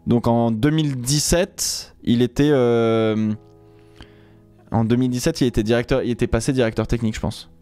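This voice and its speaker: A man's voice: mid-range voice, steady tone, moderate pace, mellow, smooth, faint music behind. A man chatting casually on a live stream, rambling with many fillers and restarts.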